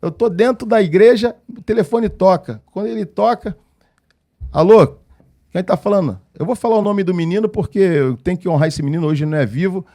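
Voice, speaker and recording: A man with a Rio de Janeiro accent, a pastor and podcast guest, telling stories in an animated way and acting out the dialogue. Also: high voice, brisk. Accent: Rio de Janeiro Portuguese. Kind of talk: storytelling in a podcast interview.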